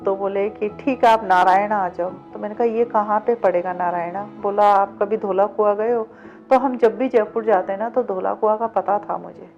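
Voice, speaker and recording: Middle-aged woman, interview guest, mid-pitched voice, lively first-person storytelling with acted-out dialogue, dull lo-fi sound, faint music underneath. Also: normal speed. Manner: vivid retelling that acts out past dialogue. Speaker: interview guest, cab driver.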